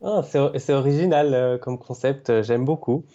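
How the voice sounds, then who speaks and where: A man's voice: medium pitch, normal speed, warm tone, muffled recording. A man who is a guest on a podcast, recalling his past in a casual, hesitant way, repeating words and using fillers. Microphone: call over Skype.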